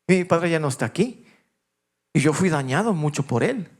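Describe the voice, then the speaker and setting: Male pastor, 50s, fairly high voice, confessional sermon delivery that moves from hushed to raised. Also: expressive, normal speed. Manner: personal confessional storytelling, shifting between hushed and raised voice.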